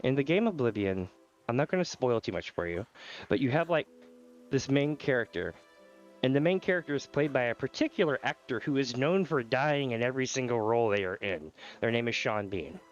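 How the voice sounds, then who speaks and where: A man hosting a gaming livestream in a casual, animated, rambling storytelling manner with dramatic asides. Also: medium pitch, a little fast. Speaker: livestream host. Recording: slightly dull livestream audio with music behind. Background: background music.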